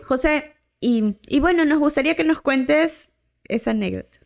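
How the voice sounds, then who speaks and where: A woman's voice: high voice, moderate pace, vocal fry. A woman, a podcast host telling a personal story in a chatty way, often tagging her sentences with a questioning "right?". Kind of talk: casual storytelling.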